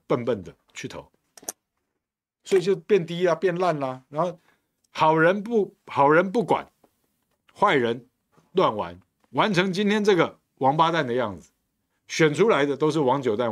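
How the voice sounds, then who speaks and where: A man hosting a podcast, delivering a combative, sarcastic political commentary monologue. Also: mid-range voice. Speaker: podcast host and council candidate.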